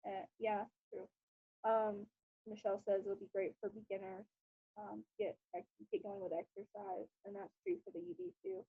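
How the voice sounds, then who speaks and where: A woman's voice: mid-range voice, moderate pace, vocal fry, slightly rough, no echo. A woman casually presenting on a video call to her team, hesitant and full of fillers. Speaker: presenter of an online team meeting. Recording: tinny phone-like call audio.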